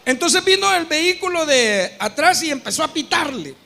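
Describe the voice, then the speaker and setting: A man preaching a sermon with a Salvadoran Spanish accent, telling stories animatedly, acting out dialogue and breaking into shouts, often checking in with his congregation. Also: extremely high pitch, normal speed, vocal fry. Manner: animated storytelling with frequent asides to the congregation; acts out quoted dialogue and bursts into shouting. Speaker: pastor.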